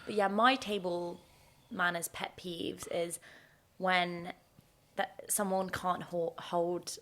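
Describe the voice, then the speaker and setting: A young woman with a bright, crisp voice chats casually as a podcast co-host. She teases her partner and laughs easily, keeping the talk light. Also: fairly low pitch, fairly even intonation, takes it slowly. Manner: playful, laughs often, teasing. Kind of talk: casual chat.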